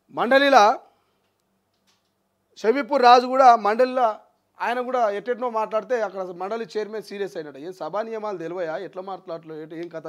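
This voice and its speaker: A man with a strong lilt delivers political commentary in a notably high, piercing voice. He speaks with indignation and stacks up rhetorical questions, hammering each point home. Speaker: news commentator.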